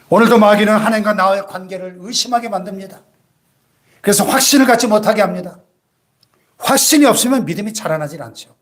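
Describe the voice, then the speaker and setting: A senior pastor of around sixty, his voice sitting high, preaches a sermon in a church. He prods the congregation with rhetorical questions.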